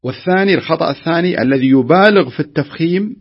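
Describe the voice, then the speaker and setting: A man's voice: a little high, fast, husky, dull audio. A man who teaches Quran recitation, patiently correcting callers and sounding out letters syllable by syllable.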